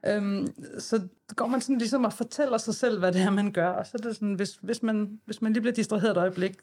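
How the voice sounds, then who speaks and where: A woman co-hosting a podcast in casual chat, lively and acting out her own thoughts as she talks. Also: medium pitch, husky. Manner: animated, acts out her own inner monologue. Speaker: podcast co-host.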